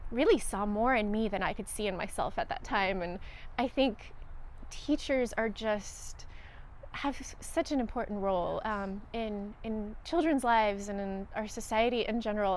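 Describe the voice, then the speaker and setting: A woman's voice: mid-range voice, a little hiss or hum. A woman from Romania, a researcher and teacher, telling her life story as an interview guest in an earnest, reflective way with frequent "um"s.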